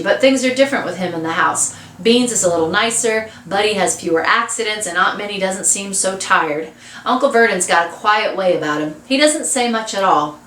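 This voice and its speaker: Woman read-aloud voice, casual asides, middle pitch, echoing room. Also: fairly bright tone. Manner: chatty asides to listeners. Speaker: reader. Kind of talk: reading a children's novel aloud. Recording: roomy echo.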